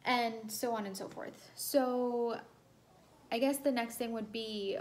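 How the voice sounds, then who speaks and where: A young woman vlogger from El Salvador tells a personal story to camera, her voice on the high side with fairly even intonation and a slow pace. It's a casual, rambling account full of ums and repeats.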